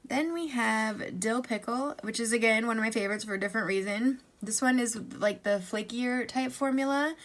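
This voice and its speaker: Casting: female beauty vlogger, bubbly makeup-tutorial chat, slightly high voice with noticeable vocal fry. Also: normal speed, few pauses, fairly bright tone. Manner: gushing, bubbly, chatty asides. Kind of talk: chatty makeup tutorial, swatching eyeshadow.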